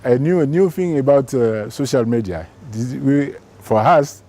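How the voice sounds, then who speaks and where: A man from Côte d'Ivoire, a researcher, speaking haltingly and repeating words as he searches for them. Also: medium pitch, animated, mellow.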